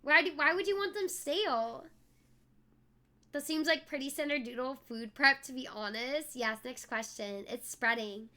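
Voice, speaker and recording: A woman's voice: sits high, moderate pace, pushed and bright. A young woman streaming live, chatting playfully with her viewers and reading their messages aloud in a sing-song way. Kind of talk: casual live-stream chat.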